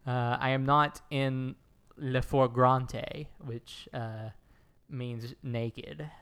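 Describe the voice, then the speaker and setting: A man's voice: medium pitch, fairly even intonation, drawn-out words, a bit bright, smooth. Joking man, echoey bathtub sound. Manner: jokey, playfully absurd banter. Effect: echoey bathtub sound, like an indoor swimming pool. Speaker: podcast co-host. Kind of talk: casual chat. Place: inside his bathtub at home. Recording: echoey tiled-bathroom recording.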